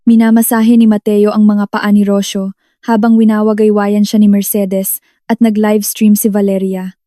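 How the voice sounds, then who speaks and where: A woman narrating a dramatic first-person story in a steady storytelling manner. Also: mid-range voice, moderate pace, dry recording, studio quality.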